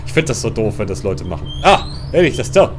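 A man doing let's play commentary on a horror game, chatty with his viewers and jumpy, swearing and shouting at scares, close on a studio mic. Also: fairly low pitch, big pitch swings, fast, over music. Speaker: let's player. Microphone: large-diaphragm studio mic, close.

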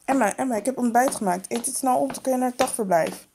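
A woman voicing a busy, caring mother of two girls in a toy-figure film, chatty and hurried with many fillers. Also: a little high, dark tone, a little hiss or hum, lightly acted.

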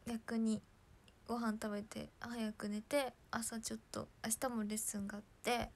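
A young woman with a hoarse throat chatting casually on a livestream, bubbly and chatty, often dropping to soft near-whispers. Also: a little high, flat delivery, normal speed, a little hiss or hum. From Japan. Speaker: idol livestreamer.

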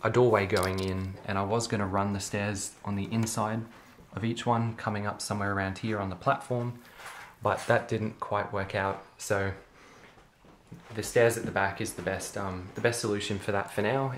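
Young man, lowish voice, casual show-and-tell vlogger, echoey carpeted room. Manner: relaxed, chatty, frequent ums. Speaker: LEGO hobby vlogger. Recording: echoey room, faint noise.

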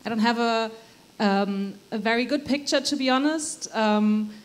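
A woman's voice: a little high, a little slow. A woman from Germany, a researcher adding to a conference panel answer, hesitant with many fillers.

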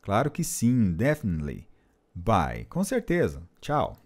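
A man's voice: lowish voice, huge pitch swings, measured pace, darkish tone, slight background noise. A man teaching an English lesson, patiently repeating and translating phrases. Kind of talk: explanatory language lesson.

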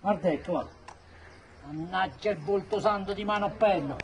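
A man's voice: high voice, moderate pace. A middle-aged man in an exasperated, muttered swearing rant as he works bent over, recorded outdoors on a phone from a few steps away. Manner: exasperated, cursing, straining while bent over work. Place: outdoors by a building wall. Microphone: phone held by another person a few steps away. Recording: outdoor phone video with faint noise.

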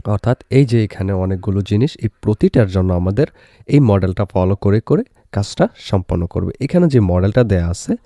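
A young Bangladeshi man teaching in a calm, patient way. He reads English sentences slowly and carefully. His voice is very mellow and sits a little low. It sounds dry and close to the mic. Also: no echo. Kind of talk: classroom lesson explanation.

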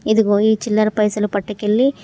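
A woman's voice: medium pitch, level tone, a little fast, warm tone, lightly acted. A woman voicing a firm, scolding mother. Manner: firm, insistent questioning. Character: worried scolding middle-aged mother.

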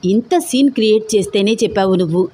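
A woman voicing a stubborn, teasing young man in love, playful and persistent, with a mellow tone. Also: mid-range voice, quick pace, close to an everyday voice.

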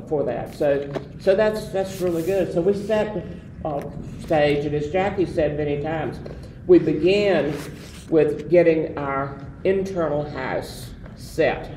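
Speaking slowly in a mellow, rather high voice, an older Southern man reminisces and rambles with many fillers during an interview. He is a former association president, caught on a distant mic in a roomy space with faint noise.

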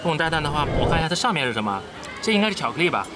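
Talking rapid-fire in a sing-song voice on the high side, this young food vlogger chats his way through a tasting at an indoor themed cafe and shop. He speaks into a handheld camera mic, cheerful and talkative, letting out exclamations at each dish.

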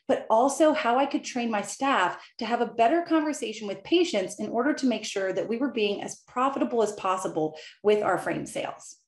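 A woman in her thirties presents a software tutorial in an upbeat, clearly scripted manner, with a voice of middling pitch. She speaks from a room at home into a webcam, and the walls give her voice a noticeable echo. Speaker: software company VP presenting a product. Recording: echoey room.

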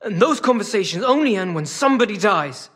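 A man playing a sly, wry, world-weary cat stalker in a video game, bargaining in a casual, streetwise way with a husky voice. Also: high-pitched, sing-song, brisk, fairly bright tone, full character voice. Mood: menacing. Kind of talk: video game character acting.

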